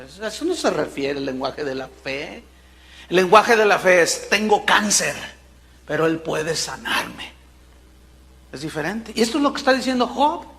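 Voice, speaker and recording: A high, bright male preacher delivering a sermon in a church hall with a long, ringing reverb. He talks emphatically, slows down for dramatic pauses, then bursts into loud quoted lines. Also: big pitch swings. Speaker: pastor.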